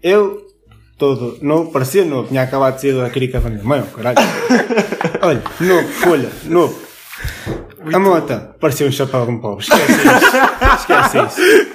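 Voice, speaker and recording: A man's voice: mid-range voice, animated, moderate pace, background noise. A young man with a European Portuguese accent, telling a story in casual podcast chat, laughing often and swearing freely. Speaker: podcast co-host.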